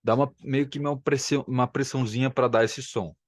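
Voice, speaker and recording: A man's voice: medium pitch, steady tone, fairly quick, dry recording, clean studio sound. A man teaches a language lesson at home, patiently repeating words to demonstrate sounds. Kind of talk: explanatory video lesson. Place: home room, filming himself. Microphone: camera facing him.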